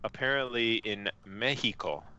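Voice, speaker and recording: A man's voice: fairly low pitch, moderate pace, pushed and bright. A man hosting a casual gaming stream, chatting and telling rambling, joking stories. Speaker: streamer host. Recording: dull lo-fi mic.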